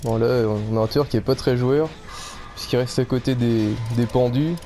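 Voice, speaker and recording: A man's voice: mid-range voice, steady tone, normal speed, warm tone. A man giving explanatory commentary on a horror game as he plays, hesitantly walking viewers through it step by step. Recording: clearly noisy game background.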